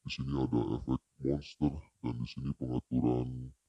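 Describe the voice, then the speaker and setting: A man demonstrating a gadget, his voice disguised deep through a pitch-lowering voice changer effect, speaking in a plain, matter-of-fact way. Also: little pitch movement, moderate pace, slightly rough, no room sound, highs cut off. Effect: deep pitch-lowering voice changer (male and monster effects). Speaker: gadget reviewer. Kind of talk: product demo narration.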